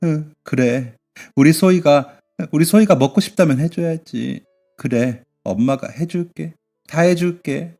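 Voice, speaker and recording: A tearful middle-aged mother who chokes out her words, pitched up high, as a male reader puts her on. Soft music plays faintly behind the radio drama. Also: unhurried.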